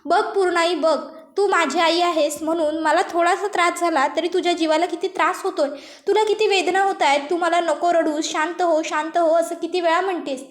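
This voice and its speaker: A woman's voice: very high-pitched, steady tone, moderate pace. A woman voicing a grieving, distraught middle-aged mother who laments her lost daughter in a story retelling. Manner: lamenting, pleading. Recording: roomy echo.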